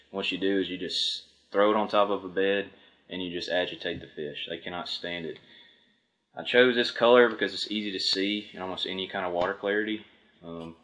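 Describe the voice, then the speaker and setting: This fishing video features a host in his thirties at a table indoors against a backdrop, running through products in a relaxed, matter-of-fact manner. He speaks with a low-pitched, slightly bright voice.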